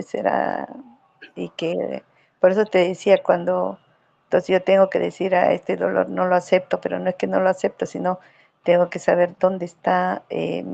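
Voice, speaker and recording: Brief: woman, gravelly voice, halting testimony over a dull lo-fi call line. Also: on the low side, mellow. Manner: hesitant, full of fillers, acting out remembered dialogue. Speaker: participant in a weekly spiritual group meeting. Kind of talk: personal testimony in casual group chat.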